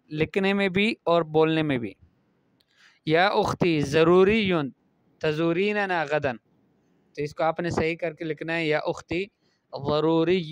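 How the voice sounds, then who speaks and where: Man teaching Arabic pronunciation, smooth voice. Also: a little high, dry recording. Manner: reads Arabic phrases then explains them. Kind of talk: classroom lesson explaining Arabic pronunciation in Urdu.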